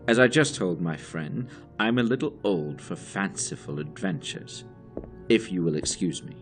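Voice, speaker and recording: Actor as weary, low-voiced Doctor Watson. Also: male voice, big pitch swings, slow pace, over music, full character voice. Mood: puzzled, wary. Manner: formal, dry, courteous. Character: aging, weary Doctor John Watson, courteous former soldier. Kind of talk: audio drama acting.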